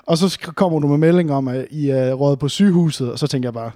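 A man's voice: a little high, warm tone, no echo, clean studio sound. A young man hosting a podcast, boisterous and crude in his joking, laughing often. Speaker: podcast host. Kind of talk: casual podcast banter.

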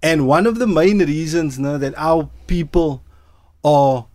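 A man's voice: fairly high pitch, a little slow, darkish tone, dry recording. A man with a Cape Town Coloured South African accent, speaking emphatically in impassioned conversation and repeating phrases to press his point. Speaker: community activist interviewee.

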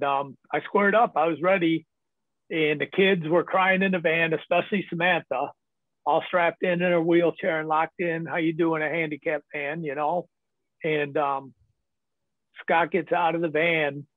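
A man's voice: fairly high pitch, dry recording. A man, a podcast guest, telling candid stories from his past in casual talk, laughing often and filling with ums. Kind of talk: casual storytelling. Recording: tinny phone-like line, dry.

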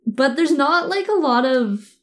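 A woman's voice: sits high, animated, a little slow. Woman chiming in on a casual recap. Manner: chiming in with added details. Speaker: podcast co-host.

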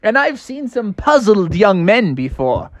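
A woman voicing a courtly old male bunny rabbit gentleman in a bedtime story, speaking in a high, old-fashioned way. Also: sing-song, measured pace, dry recording. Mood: genial.

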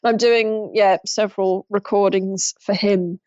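A woman's voice: mid-range voice, fairly even intonation, measured pace, a little mellow, no room sound, lo-fi sound. A woman drummer in her thirties chatting in an interview, laughing often and restarting her sentences. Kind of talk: casual interview chat.

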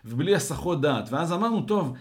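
Man co-host, slightly raised pitch, steady explanatory conversational tone. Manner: calm, restates and expands with examples. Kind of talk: casual podcast discussion.

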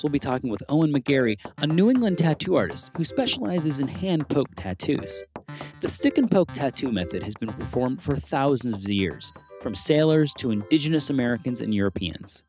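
A man's voice: mid-range voice, no room sound, clean studio sound. A man hosting a podcast, reading a scripted intro and then asking questions with many fillers and restarts. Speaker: podcast host. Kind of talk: casual interview chat with scripted intro.

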